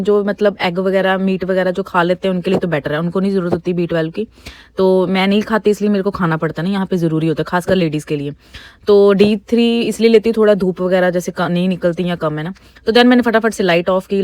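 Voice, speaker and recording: A woman narrates her family's daily routine as a vlog voice-over. She speaks fast in a slightly low register, chatty and homely, with English words slipped in. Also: darkish tone. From India. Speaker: vlogger, mother of two.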